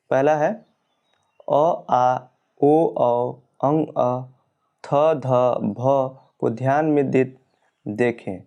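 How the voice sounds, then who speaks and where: A man teaching an exam-prep class, reading out questions and answers and explaining them slowly, drawing out the example sounds. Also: medium pitch, dark tone.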